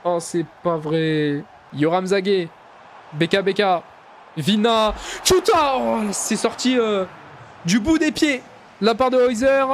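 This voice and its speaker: Speaking at a slow pace, this gaming YouTuber delivers excited play-by-play for a football video game, yelling out goals in mock-commentator style. Low mumbled asides fill the gaps, and a little hiss or hum sits under the audio.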